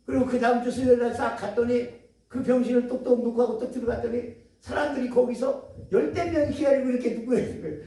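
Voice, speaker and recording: A man with a strikingly high, mellow voice delivers a testimony sermon, telling his stories with animated energy and acting out the dialogue. He sounds far from the microphone, and the sound booms around a large, echoey hall. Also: fast. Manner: animated, acts out dialogue, laughs often. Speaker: guest lecturer at a retreat center.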